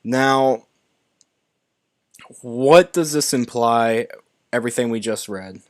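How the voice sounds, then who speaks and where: A man's voice: mid-range voice, takes it slowly, dry recording, clean studio sound. A young man hosting a live stream, reading movie news articles aloud and commenting, often stumbling and restarting words. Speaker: YouTube movie news host.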